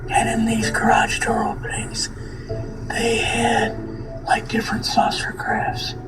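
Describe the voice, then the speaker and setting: Slow, breathy elderly man recalling the past. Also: very high-pitched, completely flat delivery, whispered. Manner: halting, with long pauses. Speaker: interviewee recounting past government service. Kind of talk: slow personal recollection in an interview. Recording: roomy, distant mic under loud music.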